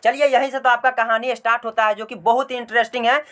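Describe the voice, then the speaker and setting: A man's voice: very high-pitched, steady tone, fast talker, bright, forceful tone. A male teacher explaining a school lesson, mixing English words into his speech and often telling students to look closely. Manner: mixes English words into Hindi.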